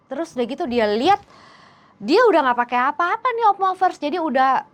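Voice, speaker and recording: A woman's voice: high voice, very animated, brisk. A woman narrating a dramatic story in a casual, chatty way, talking directly to her listeners. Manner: chatty, addresses listeners directly, many fillers.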